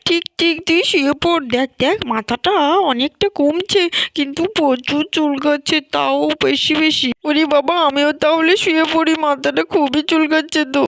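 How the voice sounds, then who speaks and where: A woman's voice: fairly even intonation, moderate pace, hardly any pauses, slight background noise. A woman voicing a fretful little girl with lice in her hair, whining and complaining in a doll story. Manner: whiny, complaining, high-strung. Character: little girl with an itchy, lice-ridden head.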